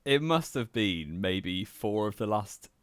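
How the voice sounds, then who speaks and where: A young man in casual podcast chat, with a low, deep voice recorded close and dry. He is relaxed and teasing and laughs easily between points. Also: slow pace, smooth, dry recording. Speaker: podcast co-host.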